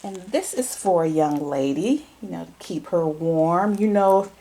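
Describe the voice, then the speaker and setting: A woman's voice: fairly low pitch, expressive, a little slow, mellow. A woman chatting casually as she shows off gift baskets, filming with a camera she holds herself. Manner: chatty, repeats herself, many fillers. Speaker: lifestyle vlogger showing gift baskets. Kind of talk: casual show-and-tell vlog. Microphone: handheld camera she operates herself.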